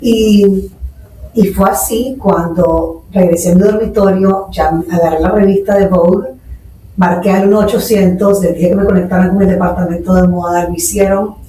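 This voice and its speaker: A woman's voice: mid-range voice, steady tone, normal speed, mellow, slight background noise. A woman in her forties from Nicaragua, telling her story earnestly in a podcast interview and mixing in English terms. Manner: earnest, anecdotal, code-switches English terms. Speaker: guest entrepreneur. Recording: echoey room, distant mic.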